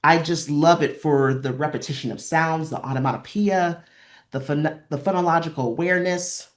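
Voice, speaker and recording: Speaking at a normal speed in a low-pitched voice, a woman presents an instructional webinar with examples. She is running a training session for librarians, encouraging her audience and repeating phrases for emphasis.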